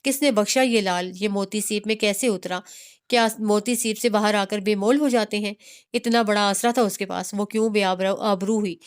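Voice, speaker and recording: A woman narrating a romantic novel in a steady, measured storytelling voice. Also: medium pitch, clear, resonant tone. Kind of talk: novel reading.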